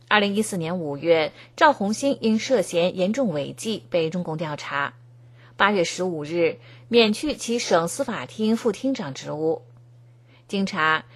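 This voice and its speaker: A woman reads scripted news narration in a steady, formal way. Her voice sits on the low side and has a husky, slightly breathy edge. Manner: even, formal reading tone. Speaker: news reader.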